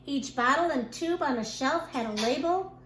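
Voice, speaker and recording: A high-pitched woman, a kindergarten teacher, tells a rhyming picture book story to young kids with expressive, deliberate delivery. The echoey space carries clear background noise.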